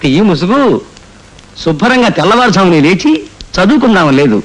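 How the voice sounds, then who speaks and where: A man's voice: sits high, animated, a little hiss or hum. A cranky old father hurling insults. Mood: scolding. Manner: rapid scolding, mock-grand insults. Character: cantankerous old father, spouting invented insults. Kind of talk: film comedy acting.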